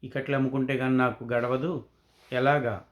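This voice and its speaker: A man's voice: medium pitch, flat delivery, normal speed, natural voice. A man voicing a poor woodcutter who complains helplessly about his troubles, in a children's story. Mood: worried. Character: poor worried male woodcutter.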